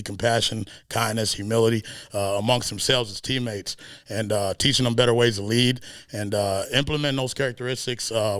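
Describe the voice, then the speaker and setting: A low-pitched man speaks in an even, steady tone at a media day interview. He is a high school football coach, earnest and measured, pausing often on fillers. The sound is dry and close. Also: no room sound. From South Sudan.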